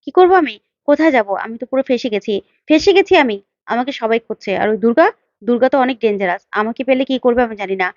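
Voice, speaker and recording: Woman voicing a frantic runaway uncle, whiny and repeating himself, high pitch. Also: very fast, no room sound, highs cut off, lightly acted. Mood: panicked. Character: panicking male fugitive uncle, scared and whiny.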